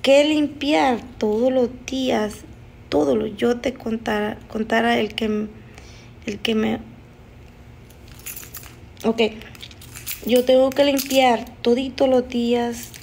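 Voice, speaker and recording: Woman streamer retelling a scare, slightly high voice, halting and emotional, restarts mid-sentence. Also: flat delivery, gravelly, darkish tone, slight background noise. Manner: halting, emotional, with frequent restarts and nervous laughs. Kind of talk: casual spoken storytelling.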